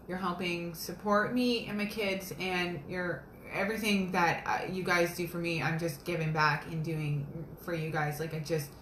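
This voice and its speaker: A young woman talks to her viewers on a live video, rambling and upbeat about her romance novels. Her voice is bright and forward. It bounces around an echoey kitchen, with a faint hum of room noise behind her. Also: lowish voice. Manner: chatty, rambling, earnest and upbeat. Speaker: self-published romance author. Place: home kitchen.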